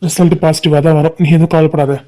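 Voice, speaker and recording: A woman's voice: sits low, little pitch movement, quick pace, warm tone, pitched below the performer's own voice, close to an everyday voice. A woman voicing a young brother-in-law who earnestly consoles his wife's sister. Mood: reassuring. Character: younger sister's husband, young man, supportive.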